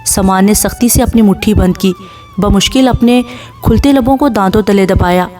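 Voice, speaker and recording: A woman reading a romance audio novel as narrator in a steady, expressive way. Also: mid-range voice. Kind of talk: scripted story narration. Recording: distant mic with faint background music. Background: faint music.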